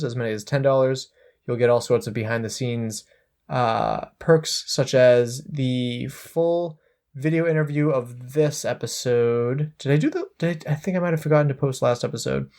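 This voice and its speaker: A man with a medium-pitched, darkish voice hosts a podcast, chatting in an easygoing, upbeat way through casual talk and an outro.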